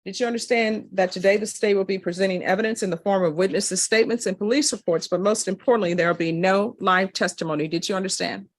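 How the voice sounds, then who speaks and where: A woman serving as judge works through formal questions at a quick clip in a courtroom recording. Her voice sits at an ordinary middle pitch, and her manner stays brisk and businesslike. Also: fairly even intonation. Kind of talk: formal plea hearing questioning.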